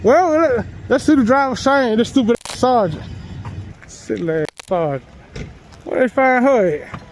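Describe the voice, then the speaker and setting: A man's voice: very high-pitched, expressive, normal speed, slight background noise, low-quality recording. A man filming police on a public sidewalk, taunting and mocking them in confrontational street talk, laughing often, picked up by the handheld camera he films with.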